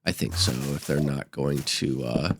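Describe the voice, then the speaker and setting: Deep, congested man with a stuffy nose. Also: normal speed, vocal fry, background noise. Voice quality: stuffy nasal sound. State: congested blocked nose from a cold. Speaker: gaming video host. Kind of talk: casual gameplay commentary.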